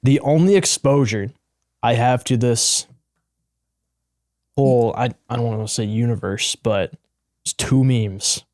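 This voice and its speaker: A man's voice: mid-range voice, measured pace, long pauses, darkish tone, no echo, clean studio sound. A young man co-hosting a podcast in casual chat, easygoing and asking questions. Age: young adult. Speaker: podcast co-host.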